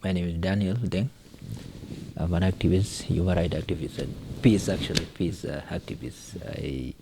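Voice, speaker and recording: A man's voice: deep voice, moderate pace, creaky, background noise. A man from South Sudan, a human rights activist, answering in a studio interview with hesitant, self-correcting speech.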